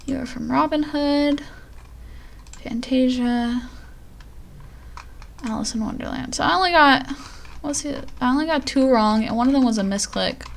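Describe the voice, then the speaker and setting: A woman's voice: sits high, measured pace, creaky, long pauses, slight background noise. A woman streamer chatting casually on a live stream, rambling and poking fun at herself. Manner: chatty, self-deprecating, rambling.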